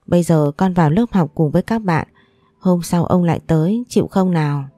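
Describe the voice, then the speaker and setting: A woman's voice: fairly low pitch, a little fast, dark tone, no echo, close to an everyday voice. A woman voicing a kind, reassuring older grandfather in a storybook reading.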